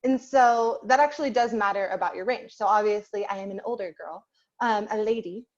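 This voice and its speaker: A young woman's mid-range, slightly mellow voice comes through dull, lo-fi video call audio as she teaches kids to sing online. She talks a little fast, chatty and encouraging, with many fillers.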